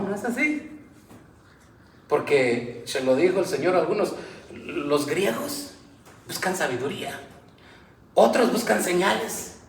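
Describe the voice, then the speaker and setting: High, lively preaching man in a roomy hall. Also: a little hiss or hum. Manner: impassioned preaching, voice rising and falling. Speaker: pastor. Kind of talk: sermon. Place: church hall. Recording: roomy church sound from a distance.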